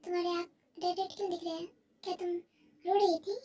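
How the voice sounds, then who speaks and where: A woman's voice: extremely high pitch, little pitch movement, fairly quick, mellow. A woman voicing a caring young female college friend who talks in a concerned, chatty way.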